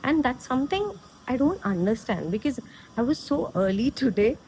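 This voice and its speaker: A woman's voice: a little high, sing-song, very slow, darkish tone, faint music behind, rough recording. A woman with a Malayali accent giving casual, unscripted vlog chat, switching between English and Malayalam. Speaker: vlogger. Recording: faint vehicle and street noise.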